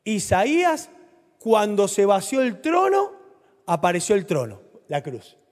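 A male preacher with a Rioplatense Spanish accent delivers his sermon in a high, lively voice that rises and falls. He moves unhurriedly between loud, urgent lines and soft, low ones, and a long reverb makes his words ring out as if in a church hall.

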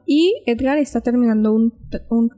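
A woman's voice: on the high side, normal speed, mellow. A teenage girl with a Mexican accent, co-hosting a casual podcast in a playful, slightly boastful way. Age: teens. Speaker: podcast co-host. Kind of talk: casual chat.

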